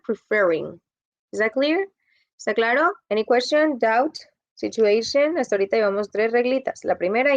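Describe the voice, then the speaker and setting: A woman's voice: fairly high pitch, dry recording, highs cut off. Woman teaching English grammar patiently. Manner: patient, explains in Spanish and repeats in English. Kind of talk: bilingual grammar lesson.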